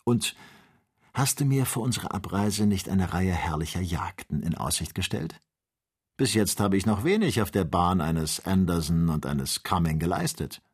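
A man's voice: deep voice, lively intonation, moderate pace, breathy edge. A man reading the part of a keen, amiable male hunter on a balloon expedition. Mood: friendly.

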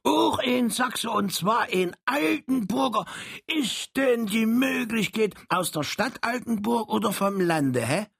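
A man voicing a small, excitable middle-aged man with a Saxon dialect, shrill and eager. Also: slow pace, vocal fry, slightly rough, dry recording, heavily acted. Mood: excited.

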